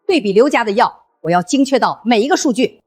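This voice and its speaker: A woman's voice: on the high side, lively intonation, quick pace, darkish tone, breathy edge, soft background music. An actress playing an imperious elderly woman who heads a wealthy family, giving clipped commands in a short drama. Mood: appraising. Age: older.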